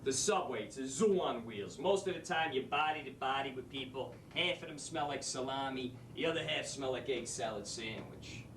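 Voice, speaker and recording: Guy playing a new wiseguy teacher, cocky streetwise stage monologue, distant mic, faint rumble. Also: normal speed, hardly any pauses, roomy sound, close to an everyday voice. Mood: wisecracking. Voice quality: wisecracking, streetwise, animated. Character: brash male New York street-smarts teacher. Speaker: actor in a drama school showcase monologue. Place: theater stage.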